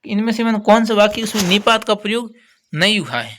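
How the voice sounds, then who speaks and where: High-voiced man explaining exam answers. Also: animated, brisk, a bit bright, slight background noise. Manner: explains patiently, repeating key words. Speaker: teacher.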